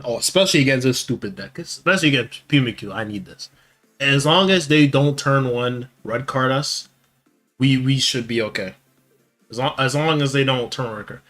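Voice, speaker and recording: A young man giving live commentary on his card game, muttering one moment and yelling taunts the next, repeating his hype lines. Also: mid-range voice. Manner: hype, repeats taunting phrases, swings from quiet muttering to shouting. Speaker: gaming channel host. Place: home gaming setup with monitor.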